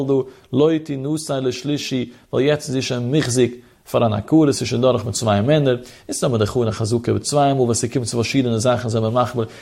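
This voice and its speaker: A man giving a traditional religious text lesson, reading passages aloud and explaining them in a sing-song lilt, with a gravelly voice. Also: mid-range voice, darkish tone. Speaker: religious teacher.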